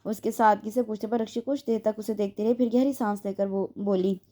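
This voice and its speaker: A woman narrating a romance novel aloud in a steady, even storytelling manner. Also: medium pitch, brisk. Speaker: audiobook narrator.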